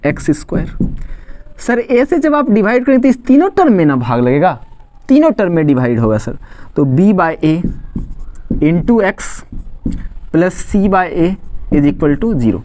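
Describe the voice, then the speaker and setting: A man's voice: high voice, warm tone. A man from Bihar, teaching a maths lesson. He often asks a question and then answers it himself. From Khagaria, Bihar, India. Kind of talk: classroom lesson explanation.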